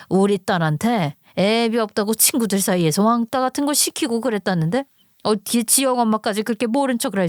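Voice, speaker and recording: A woman's voice: medium pitch, a little mellow, no echo, studio quality, natural voice. A woman voicing a hot-tempered middle-aged single mother who scolds harshly in a dramatized story. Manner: combative, scolding, rough-tongued. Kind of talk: storytelling acting.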